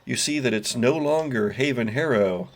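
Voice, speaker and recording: A man running a tabletop horror game as game master, narrating scenes calmly with some hesitation. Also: medium pitch, moderate pace, very noisy.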